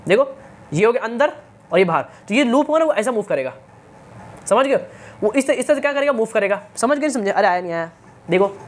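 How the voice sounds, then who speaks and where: A male teacher giving a science lecture, who keeps asking his students questions, answering them himself and checking that they follow. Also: very high-pitched. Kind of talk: classroom-style science lecture.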